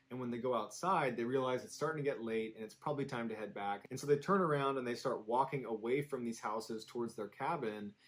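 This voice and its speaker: A man telling a scary story in a steady, suspenseful way, dropping low for tense moments. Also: rough recording. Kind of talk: scripted horror story narration.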